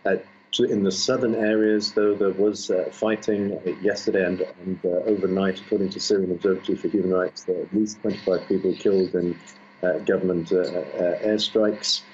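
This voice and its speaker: Low deep guy correspondent on a bad quality stream, muffled with a bit of hiss, lots of uhs. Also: steady tone, darkish tone. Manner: halting, full of fillers and restarts. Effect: low-quality live stream link. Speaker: foreign correspondent. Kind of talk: live news report. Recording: muffled lo-fi line with faint noise.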